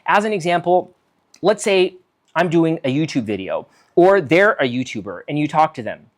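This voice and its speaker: Speaking at a normal speed with a fairly high voice, a man who is a physician delivers a solo talk about conversation skills. He's animated, reads from his notes and performs the quoted example lines.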